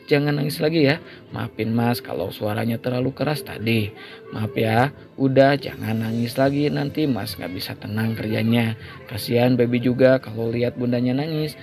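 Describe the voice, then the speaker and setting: Man doing a protective fussy husband, coaxing, gravelly, music in the back. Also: medium pitch, moderate pace, a little mellow, close to an everyday voice. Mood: soothing. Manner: coaxing, fussing. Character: doting young husband, worried and protective. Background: background music.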